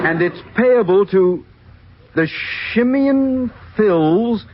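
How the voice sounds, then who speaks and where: A pompous older bank president in 1950s radio comedy, blusters in slow, swooping exasperation. His pitch sits a touch high and leaps around. The recording is dull and muffled like an old broadcast. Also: heavily acted.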